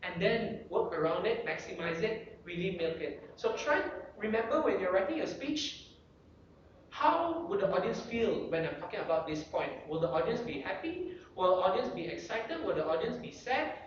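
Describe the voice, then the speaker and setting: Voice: mid-range voice, normal speed, slight background noise. A guest speaker giving public speaking tips at a club meeting, coaching with checklist questions. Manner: animated coaching delivery, rhetorical checklist questions. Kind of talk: motivational speaking workshop talk. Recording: very echoey room, distant dull lo-fi mic.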